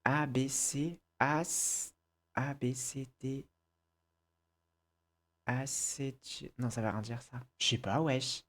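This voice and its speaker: Low, slow woman muttering through a quiz. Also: fairly even intonation. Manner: mutters to herself, swears, switches between French and English. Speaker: content creator. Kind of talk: casual quiz play, thinking aloud.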